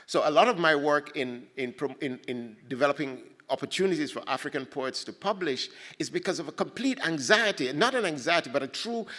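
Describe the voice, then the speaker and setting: A man's voice: fairly high pitch, lively intonation, fairly bright tone. A man from Ghana speaking on a panel at a poetry festival, thinking aloud with frequent restarts and repeated words. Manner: halting, many restarts, thoughtful. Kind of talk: reflective panel talk. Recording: long hall reverb.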